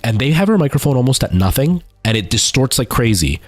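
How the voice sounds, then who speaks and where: A man's voice: mid-range voice, very animated, a little fast, dry recording, soft background music. A man talking casually to viewers on a livestream, candid and self-deprecating about himself. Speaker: streamer chatting with viewers, stage musical performer.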